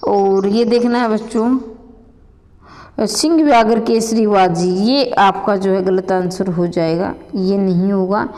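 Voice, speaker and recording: A woman's voice: medium pitch, slow, a little mellow, big-room sound. A woman coaching teacher going through exam questions, calling her students children and repeating each question and answer aloud. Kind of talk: exam answer walkthrough lesson.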